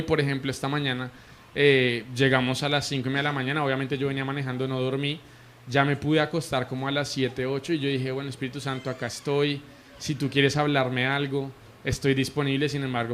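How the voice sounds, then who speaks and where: A man's voice: medium pitch, fairly bright tone, slight background noise. A man from Colombia with a Colombian Spanish accent, a prophet and interview guest, telling his faith testimony in an earnest, emotional way, often restarting his sentences. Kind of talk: conversational testimony.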